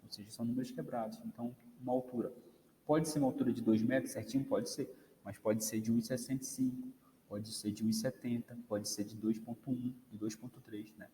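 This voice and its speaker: A man's voice: medium pitch, fairly even intonation, a little fast, warm tone, a little hiss or hum. Man lecturing in a reverberant room. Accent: Brazilian Portuguese. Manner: explanatory, many fillers like "né" and "ok". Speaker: teacher. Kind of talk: recorded lecture. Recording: roomy reverb, faint ambience.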